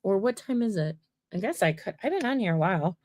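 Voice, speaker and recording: A woman's voice: medium pitch, animated, quick pace, darkish tone, dry recording. Chatty woman crafting on a livestream. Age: adult. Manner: chatty, rambling, talks to viewers while working. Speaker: mosaic artist hosting a livestream. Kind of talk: casual chat while crafting.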